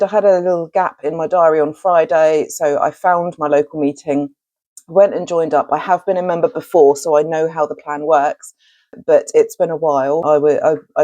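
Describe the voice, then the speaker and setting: A woman's voice: low voice, dark tone, dry recording. A woman giving a casual, conversational update as a vlogger.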